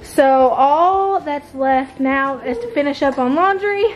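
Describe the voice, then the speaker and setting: Soft music plays behind a woman from the United States who vlogs about homemaking, rambling casually to a handheld camera held at arm's length. Her high voice moves slowly, and the audio sounds dull. She's indoors in the open-plan living room and kitchen of a mobile home.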